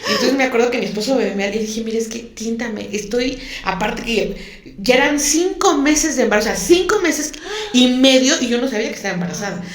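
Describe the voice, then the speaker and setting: A woman's voice: fairly high pitch, expressive, brisk. A woman, a guest telling a personal story in an interview, emotional and repeating words for emphasis. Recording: echoey room.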